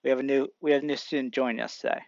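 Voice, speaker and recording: Man doing a gruff, tired male teacher. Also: medium pitch, fairly even intonation, racing, darkish tone, no room sound, highs cut off, natural voice. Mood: curt.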